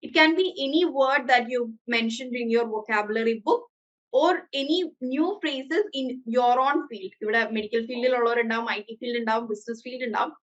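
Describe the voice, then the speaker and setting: A woman with a Malayali accent leads an online English lesson. Her voice sits a little high, and she talks at an unhurried pace, pausing often. She keeps encouraging her students over the video call. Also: dull audio. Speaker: English teacher.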